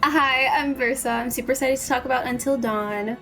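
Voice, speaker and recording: Higher-voiced woman chatting casually. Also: steady tone, a little fast, creaky, bright, forceful tone, faint music behind. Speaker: podcast guest. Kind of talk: casual chat.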